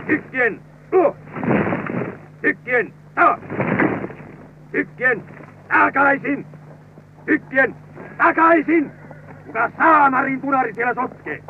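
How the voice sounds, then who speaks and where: An actor playing a stern army drill sergeant, barking commands and scolding a recruit. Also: male voice, very high-pitched. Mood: commanding. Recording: tinny old radio recording with hiss.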